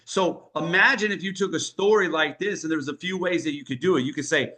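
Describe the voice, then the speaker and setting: A man coaching a group on sales in an energetic, punchy way, often checking in with "right?". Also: fairly high pitch, quick pace.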